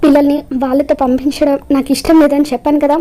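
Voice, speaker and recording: Woman doing a hot-headed young heroine in a serial recap, high voice. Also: level tone, quick pace, mellow, natural voice. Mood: feisty. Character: spirited young mother, hot-tempered and comic.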